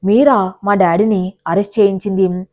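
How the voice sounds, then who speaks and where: A woman's voice: mid-range voice, fairly even intonation, normal speed, no room sound, muffled recording, close to an everyday voice. Woman reading as a cheerful young girl. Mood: pleading. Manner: eager, then pleading.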